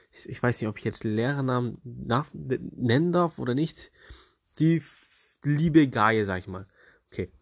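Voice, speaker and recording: A man's voice: mid-range voice, no room sound, clean studio sound. A young man hosting a casual storytelling podcast, joking and slangy, with playful restarts. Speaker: podcast host.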